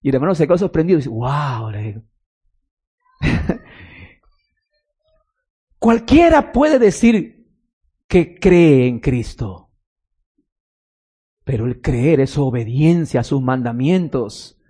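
A man's voice: medium pitch, sing-song, slow, pauses often, warm tone, slightly rough. A man preaching a sermon as pastor, telling stories and rising into emphatic calls.

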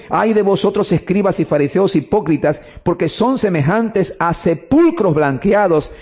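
A man's voice: sits high, mellow, husky. A man preaching a sermon with emphasis, repeating key phrases and putting questions to the listener.

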